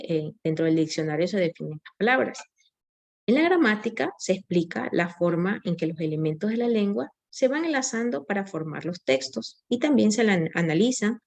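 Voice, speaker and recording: A woman's voice: mid-range voice, a little mellow. Woman teaching a grammar class. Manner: explanatory, frequent tag questions and self-corrections. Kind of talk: recorded online lecture.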